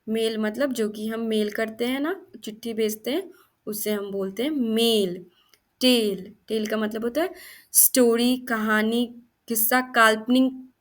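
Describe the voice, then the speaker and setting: A young woman teaching English phonics, slowly repeating each word and explaining its meaning. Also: on the high side. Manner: slow, repeats each word several times, gives meanings.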